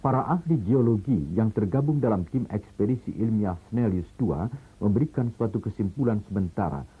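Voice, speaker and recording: Husky male anchor on old newsreel audio. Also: fairly low pitch, animated. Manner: measured, formal news delivery. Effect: old lo-fi broadcast sound, like an old newsreel. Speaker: news anchor. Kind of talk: formal scripted news reading. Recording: tinny, narrow-band old broadcast recording.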